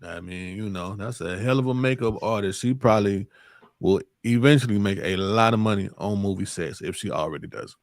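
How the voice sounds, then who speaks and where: A man's voice: fairly low pitch, a little fast, creaky, dry recording, studio quality. A man, co-hosting a live show in laid-back, chuckling banter. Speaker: co-host.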